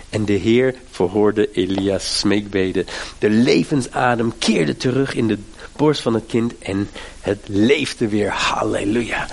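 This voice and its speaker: A man's voice: mid-range voice, vocal fry. A middle-aged man preaching a sermon, with fervent, emphatic appeals to his listeners. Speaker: pastor.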